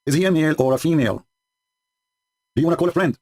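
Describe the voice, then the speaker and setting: A man's voice: fairly high pitch, fast, darkish tone. A man whose first language is not English, hosting a livestream and mocking his opponents sarcastically, with frequent laughs and broken English. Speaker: host.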